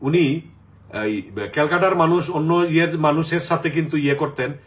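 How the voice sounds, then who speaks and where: Man, middle-aged, casual rambling talk, somewhat high pitch. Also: steady tone, moderate pace. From Sylhet region, Bangladesh. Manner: rambling, many fillers and restarts. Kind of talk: casual chat.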